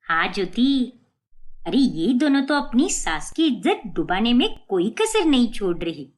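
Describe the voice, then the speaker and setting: A woman's voice: on the high side, sing-song, measured pace. A woman voicing a second neighbor woman in a cartoon story, gloating at others' shame.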